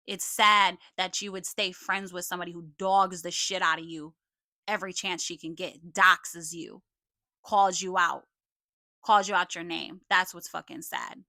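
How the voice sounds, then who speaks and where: A woman's voice: lowish voice, sharp tone, no room sound, clean studio sound. A woman giving confrontational live commentary, sarcastic and scolding, with plenty of swearing. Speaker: streamer commenting on a livestream feud.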